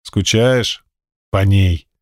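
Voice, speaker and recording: A man's voice: on the low side, very slow, dry recording, clean studio sound. A man voicing a domineering male spirit that lives in the hero's head, curt, cold and mocking as he gives orders. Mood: blunt. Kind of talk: audiobook character voice.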